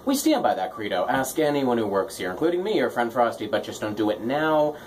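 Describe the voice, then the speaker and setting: A man's voice: medium pitch, sing-song, a little fast, slight background noise. A man hosting a radio show with casual comic patter, tongue-in-cheek and self-deprecating. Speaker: radio host, DJ.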